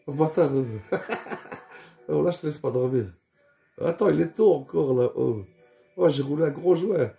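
Gravelly, husky young man, tired and slangy. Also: fairly high pitch, moderate pace, long pauses, warm tone, soft background music. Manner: slangy and profane, laughing often. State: tired and drowsy. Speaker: vlogger. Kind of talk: casual rambling chat to a friend.

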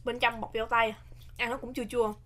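A woman's voice: fairly high pitch, level tone, a little fast, a bit bright. A young woman with a Southern Vietnamese accent, casually chatting as co-host of a snack tasting, jokey and given to repeating phrases. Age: young adult. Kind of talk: casual mukbang chat. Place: small indoor set with curtained backdrop. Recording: background noise with clicks.

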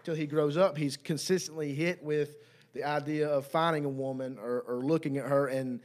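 A man's voice: fairly high pitch, steady tone, normal speed. A man co-hosting a casual church podcast, earnest and plain-spoken, speaking into a desk mic. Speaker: podcast co-host. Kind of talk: casual chat. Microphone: desk mic on a stand.

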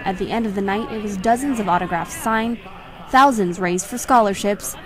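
A woman reporter reading a scripted news voice-over in a measured tone. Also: medium pitch, over a noisy crowd.

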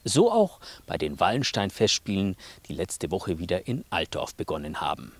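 A man's voice: low-pitched, huge pitch swings, normal speed, vocal fry, no room sound. A man in his thirties presenting a scripted TV magazine piece outdoors into a handheld microphone. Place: outdoors in a forest.

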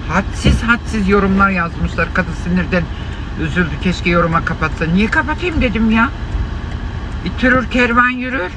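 High-voiced man ranting from a car. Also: lively intonation, normal speed. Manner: indignant, scolding, exclamatory. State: hoarse from shouting. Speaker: livestreamer. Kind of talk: live-stream rant to viewers. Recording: loud car and street noise.

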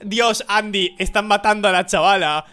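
A man's voice: sits high, moderate pace, sharp tone, clear, resonant tone, soft background music. A man giving let's play commentary, reacting with exclamations and swearing. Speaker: gaming YouTuber.

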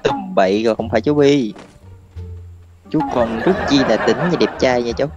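A man's voice: medium pitch, moderate pace, dull audio, a crowd in the background. A man bantering while gaming, teasing and exasperated, often breaking into laughs. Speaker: gaming partner. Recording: loud game music behind.

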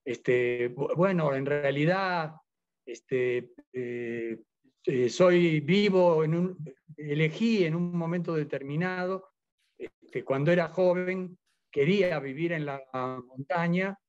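A man's voice: on the high side, slow, lo-fi sound. Older Argentine-born man, hesitant. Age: 70s. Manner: hesitant, many fillers and restarts. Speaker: interview guest, Biodanza teacher. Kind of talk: casual interview.

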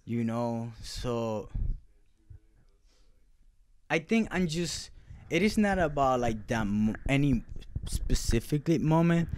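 Speaking slowly and pausing often, a clothing brand founder from Puerto Rico answers an interview casually in rough, profane street language with lots of fillers; Spanish is his native tongue. His medium-pitched voice is expressive, a little mellow, clear and resonant.

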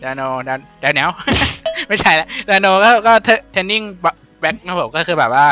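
Bright, lively young man gaming. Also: a little high, slow pace, faint music behind. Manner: playful, laughs often, excitable yelps. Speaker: gaming YouTuber. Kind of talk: casual game commentary.

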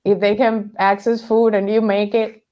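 A woman's voice: medium pitch, little pitch movement, normal speed, dark tone, lo-fi sound. A woman in her thirties from Venezuela, a guest telling her story in a casual interview over a video call, laughing often. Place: home workroom, indoors. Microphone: headset on a video call.

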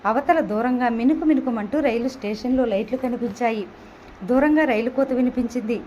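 A woman narrating an audio novel in the first person, with a steady, measured storytelling delivery. Her voice sits somewhat high, and a faint ambient hiss runs under it. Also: lo-fi sound.

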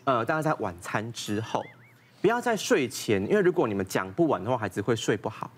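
A man's voice: mid-range voice, big pitch swings, fairly quick. Doctor guy laying out parenting tips, music in the background. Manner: gives numbered advice with case stories, laughs often. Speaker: doctor guest. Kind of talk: explaining advice on a talk show.

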